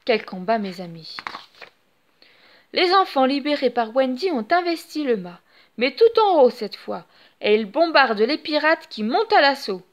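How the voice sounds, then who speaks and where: A woman with a high voice reading a children's storybook aloud. She tells it expressively and with lively animation, as if to young listeners. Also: moderate pace. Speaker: storybook reader.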